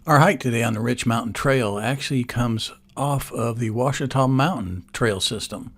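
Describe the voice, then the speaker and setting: A man narrates his hiking vlog outdoors on a mountain trail, chatting in a relaxed, meandering way while sounding a little stuffy and winded. His medium-pitched, slightly bright voice moves at a normal speed, captured on an action camera with no echo.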